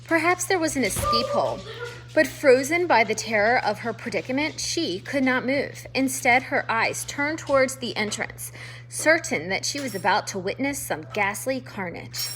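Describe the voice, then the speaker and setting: A woman reading a children's novel aloud in a measured, expressive way. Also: a little high, faint music behind. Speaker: reader. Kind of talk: storybook read-aloud.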